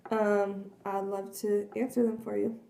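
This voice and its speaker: A woman demonstrating cleaning cloths in a casual, earnest way, a little hoarse from losing her voice. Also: medium pitch, level tone, a little slow, warm tone, slight background noise. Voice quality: frequent throat clearing and coughs. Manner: chatty, earnest, many fillers. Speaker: product demonstrator. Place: kitchen at home. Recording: echoey room.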